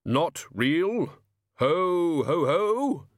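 A male reader plays a solemn spirit of death trying to pass as a festive gift-bringer in a fantasy story. He talks slowly and formally, with stiff, literal-minded weight. The recording is dry and close. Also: fairly high pitch, sing-song, no echo, pitched above the performer's own voice, full character voice. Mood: puzzled.

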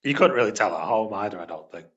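A man's voice: lowish voice, animated, fast, fairly bright tone, lo-fi sound. A man giving blunt, casual banter as a regular on a football podcast.

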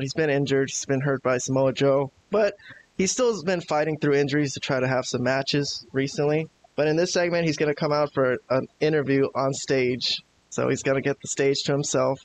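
A man hosting a podcast, giving casual wrestling commentary. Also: on the high side. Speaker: podcast host. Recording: hissy, noisy podcast audio.

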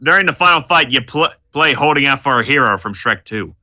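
A man co-hosting a podcast in casual chat, making wry deadpan jokes. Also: mid-range voice, brisk, no room sound, muffled recording. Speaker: podcast co-host.

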